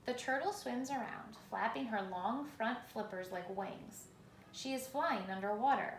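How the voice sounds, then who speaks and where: Reading a children's story aloud, this woman paces herself carefully and expressively, pausing for drama. Her medium-pitched voice has a noticeable creak, the room echoes clearly, and faint noise sits behind her.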